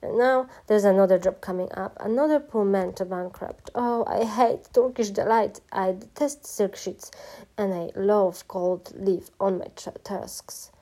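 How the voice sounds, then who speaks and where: A woman's voice: mid-range voice, unhurried, dark tone, natural voice. A woman voicing a mournful talking elephant. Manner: mournful, weary sighing.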